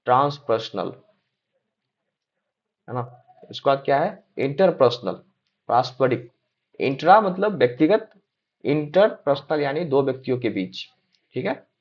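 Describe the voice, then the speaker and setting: A man's voice: mid-range voice, lively intonation, measured pace, long pauses. A young man giving an exam-prep lecture, reading points aloud and checking in often with his listeners, with some hesitant fillers. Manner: repeats check-in tags like "है ना?" and "ठीक है?". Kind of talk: explanatory lecture. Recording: slightly dull lo-fi sound.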